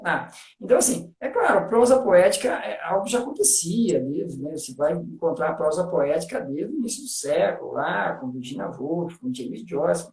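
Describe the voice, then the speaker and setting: A man's voice: fairly high pitch, lively intonation, normal speed, gravelly, hardly any pauses, a little mellow, reverberant. A man, a guest on a live stream, explains things eagerly in casual talk. He fills his speech with "né" and counts out rhythms aloud. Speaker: guest discussing literature.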